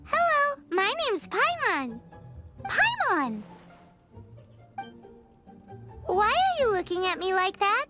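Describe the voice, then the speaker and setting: A woman's voice: very high voice, huge pitch swings, measured pace, full character voice. A woman voicing a tiny, chirpy female companion creature in a video game dub, who speaks of herself by her own name and gets indignant easily. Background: soft game music.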